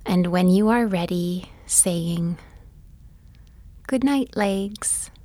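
A woman guiding a bedtime body-scan meditation, speaking softly and gently, often in a whisper. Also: lowish voice, no room sound. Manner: soft, often whispered delivery; gentle, soothing and unhurried. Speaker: meditation guide.

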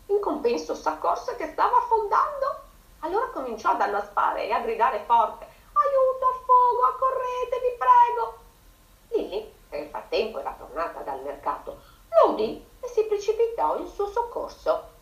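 A teacher, a woman, reading a children's story aloud on radio with a very expressive voice. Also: mid-range voice, echoey room, rough recording.

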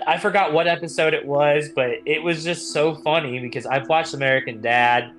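Over soft background music, a young male podcast co-host chats casually, telling meandering stories and swearing now and then. His voice is a little high, steady and fairly bright, moving at a normal pace.

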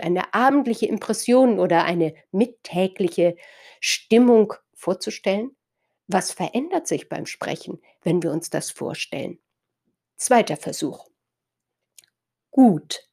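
A woman's voice: mid-range voice, mellow. A woman from northern Germany delivering a reflective spoken essay, thoughtful and playful with words, addressing her listeners directly.

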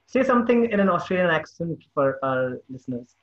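Host, male, high-pitched, loose and joking, muffled lo-fi recording. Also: sing-song, brisk. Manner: joking, rambling questions with many fillers. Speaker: podcast host. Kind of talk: casual interview chat. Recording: dull lo-fi sound.

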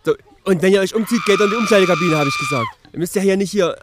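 A man's voice: high-pitched, wildly swooping pitch, quick pace, very noisy, voice pushed up. A man playing a fussy, scolding pool attendant. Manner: scolding, stammers and repeats himself. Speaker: podcast host. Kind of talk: comedy sketch.

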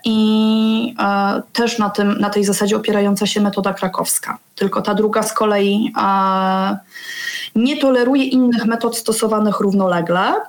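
A woman guest in her thirties explaining reading methods in a measured way, pausing often with fillers. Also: medium pitch, fairly even intonation. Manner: measured, with frequent hesitation fillers. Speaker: guest, reading education specialist. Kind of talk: explanatory interview talk.

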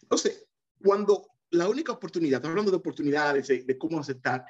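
Man, Dominican accent, middle-aged, hesitant with many fillers, slightly high pitch, dull lo-fi recording. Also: animated, fast talker. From Dominican Republic. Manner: hesitant, full of repeated "eh" fillers and restarts. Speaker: interview guest, economist. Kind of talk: casual life-story interview.

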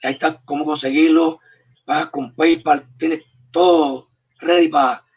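Man, Puerto Rican accent, comics artist guest, emphatic short commands, husky voice, dull distant recording. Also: fairly high pitch, fairly even intonation, unhurried, darkish tone. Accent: Puerto Rican Spanish. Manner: emphatic, gives punchy advice in short commands. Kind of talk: casual interview storytelling. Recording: distant, dull, muffled mic.

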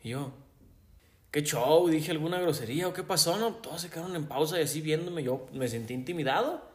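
A man with a Jalisco Mexican accent, his voice sitting a little high for a man. He spins animated anecdotes in a relaxed conversation. He slips into the voices of the people he is quoting and laughs along the way. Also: fairly quick. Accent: Mexican Spanish, Jalisco. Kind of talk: casual conversation, storytelling.

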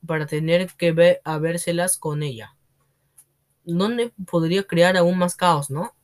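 A man's voice: a little high, a little slow, close to an everyday voice. A man doing a roaring bully of a headmistress. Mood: scornful, bullying. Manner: roaring, contemptuous, bossy. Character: bullying domineering female headmistress, booming and scornful.

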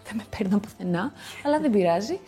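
A woman's voice: mid-range voice, animated, darkish tone, faint music behind. Chatty young woman interview guest. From Greece. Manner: chatty and candid, quick to laugh at herself. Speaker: actress guest. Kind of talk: casual interview chat.

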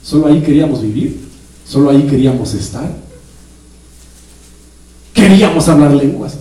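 A male pastor, preaching a sermon in a joking, animated way with laughter and sudden shouts, recorded in a church. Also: on the high side, moderate pace. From Guatemala. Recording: echoey church hall, mic at a distance.

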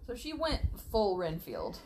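Lively, wry woman co-host. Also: mid-range voice, unhurried. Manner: wry, joking reactions. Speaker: podcast co-host. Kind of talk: casual chat.

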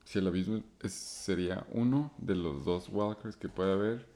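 A low, deep-voiced man with a Mexican Chicano accent co-hosts casual sports chat. He talks in loose slang and drops English terms into his sentences. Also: moderate pace, warm tone. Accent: Mexican Spanish with Chicano flavor. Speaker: sports league podcast co-host.

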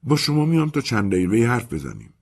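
A man's voice: mid-range voice, huge pitch swings, gravelly, a little mellow, breathy edge, voice pushed up, exaggerated voice. A man voicing an eager, nosy young man. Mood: earnest. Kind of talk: audiobook character voice.

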